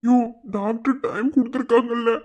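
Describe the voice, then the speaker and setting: A performer voicing a worried young husband in a cartoon story, soothing his wife in a gentle way. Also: medium pitch, fairly even intonation, brisk, phone-quality sound, voice pushed down, natural voice. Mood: reassuring. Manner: soothing, comforting.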